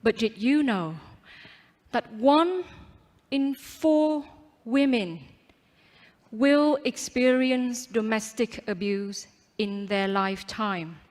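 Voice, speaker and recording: A woman giving a rehearsed competition speech, projecting loudly with theatrical emphasis and dramatic pauses. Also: fairly high pitch. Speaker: contest public speaker. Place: large auditorium on stage. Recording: echoing large hall.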